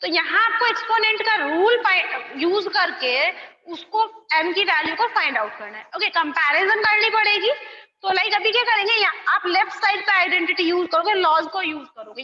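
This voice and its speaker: A woman's voice: extremely high pitch, sharp tone. A woman maths teacher working through exponent problems step by step, with a habit of checking in often. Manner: slow, checks in with "theek hai" often. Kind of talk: classroom lesson, working through problems aloud. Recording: roomy, dull lo-fi classroom echo.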